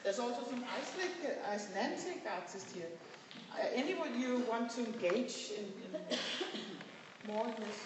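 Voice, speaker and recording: A woman's voice: fairly high pitch, animated, measured pace. A woman moderating a panel, slightly hesitant and correcting herself as she speaks. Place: conference hall in Denmark. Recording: echoey hall, distant mic, background noise.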